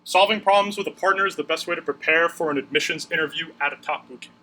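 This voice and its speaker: A man's voice: on the high side, fast talker, pushed and bright. A man with a Long Island accent teaching a class informally, conversational and often checking in with short questions. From Long Island, New York. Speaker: coding instructor. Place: classroom, addressing a group. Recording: noisy echoey room, distant mic.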